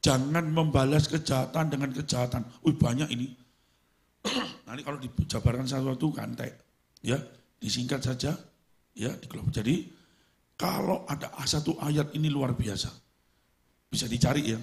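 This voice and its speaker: A man preaching a sermon as pastor, with an East Javanese Indonesian accent, animated and often breaking into high-pitched acted prayers. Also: normal speed, gravelly, pauses often.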